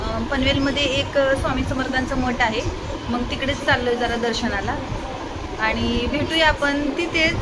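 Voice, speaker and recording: A woman's voice: high voice, normal speed, heavy background noise. A woman recording a casual home vlog, chatting plainly to her viewers as friends on a handheld phone. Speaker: vlogger and mother.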